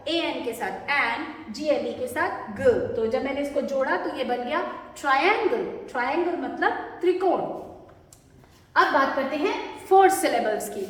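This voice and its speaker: A woman teaching English spelling and syllables, stretching out each word slowly as she pronounces it. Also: sits high, a bit bright. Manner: slow, drawn-out pronunciation of each word. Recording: echoey long-reverb room.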